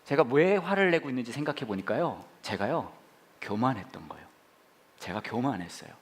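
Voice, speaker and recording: A lively male pastor preaching to his church, his pitch leaping around as he tells a story. He jokes, acts out other people's lines and now and then shouts. The delivery is playful storytelling rather than solemn preaching. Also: brisk. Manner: animated, playful, mimics others and shouts in bursts. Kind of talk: humorous sermon storytelling. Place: church sanctuary.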